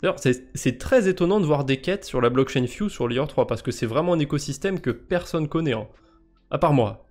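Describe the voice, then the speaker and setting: A man's voice: fairly high pitch, lively intonation, a little fast, a little mellow. A man with a French accent streaming live, casually commenting on crypto quests, joking and mocking himself as he thinks aloud.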